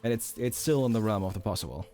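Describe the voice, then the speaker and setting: A man casually commenting on his game while streaming, thinking aloud in a relaxed way. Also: on the low side, fast, faint music behind. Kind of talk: casual let's-play commentary.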